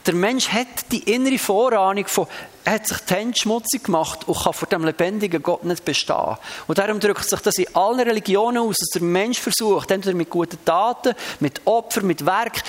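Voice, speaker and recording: A man's voice: high voice, a little fast. A man preaching a sermon, reading scripture aloud with shifting emphasis and talking to the congregation in a conversational way.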